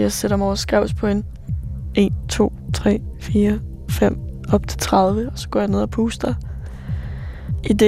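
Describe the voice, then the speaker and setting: Brief: woman, 20s, personal radio story, halting and full of fillers, faint music underneath. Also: medium pitch, creaky, a little mellow. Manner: halting, many fillers, vivid recollection. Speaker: bar worker recounting rescues.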